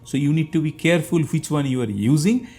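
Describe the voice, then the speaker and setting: A man's voice: fairly high pitch, fast talker, darkish tone, soft background music. A man with an Indian accent, from India, hosting a step-by-step tech tutorial and chatting with a voice assistant, explaining with plenty of fillers.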